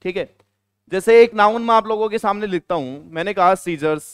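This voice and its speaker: Playful, high-voiced man teaching grammar. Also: fairly quick, clean tone, dry recording, clean studio sound. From India. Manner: playful, joking asides to students; repeats key words, quizzes the class. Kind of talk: classroom grammar lecture.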